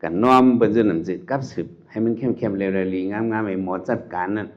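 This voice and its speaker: A man's voice: low voice, fast. A man giving an informal Dhamma talk as a Buddhist monk, chatty and full of rhetorical questions. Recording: dull lo-fi recording.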